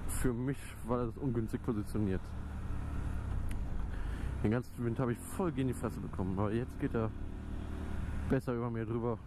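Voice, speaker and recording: A young man chatting casually and bluntly in slang from inside a helmet while riding a motorbike, as a vlogger. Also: mid-range voice. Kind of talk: casual rambling vlog chat while riding. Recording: helmet mic with clear engine and wind noise. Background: motorbike engine and street traffic noise.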